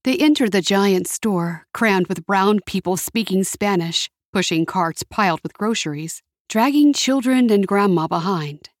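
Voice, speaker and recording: A woman giving a steady, measured scripted narration of a story. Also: medium pitch, dry recording, studio quality.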